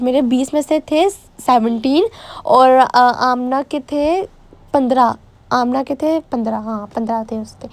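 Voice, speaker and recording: A woman's voice: high voice, darkish tone, dry recording. A young woman, narrating her vlog in a chatty, self-mocking way that often restarts mid-sentence. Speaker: vlogger. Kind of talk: casual voice-over vlog narration.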